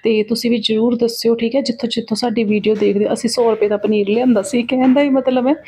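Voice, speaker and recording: A middle-aged woman tells everyday stories in an animated, chatty vlog voice-over, often adding tag questions. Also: a little high, fast talker, a little hiss or hum. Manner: animated storytelling with repeated tag questions and quoted exchanges. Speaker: home vlogger.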